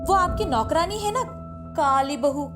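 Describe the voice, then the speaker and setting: A woman's voice: sits high, animated, a little slow, over music. A woman voicing an arrogant young daughter-in-law who speaks rudely and dismissively in a cartoon story. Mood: insolent. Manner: sharp, insolent, dismissive.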